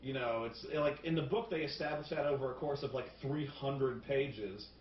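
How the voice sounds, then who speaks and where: A man hosting a casual group film review, ranting in an animated, profane, riffing way. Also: mid-range voice, normal speed, slight background noise. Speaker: review show host. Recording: roomy, distant, dull sound.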